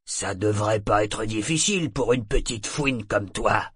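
A man's voice: lowish voice, measured pace, slightly rough, no echo, clean studio sound. A man voicing a brutish, bullying sailor who talks coarsely and menacingly. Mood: taunting.

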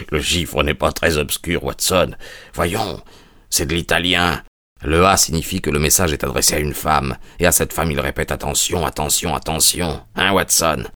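A man voicing a sharp, commanding male detective in an audiobook, in a brisk and decisive manner. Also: very deep voice, no echo, studio quality. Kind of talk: audiobook character reading.

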